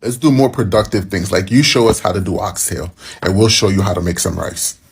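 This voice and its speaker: A man giving casual, slangy storytelling commentary in a husky voice. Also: low voice, a little fast. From Haitian background.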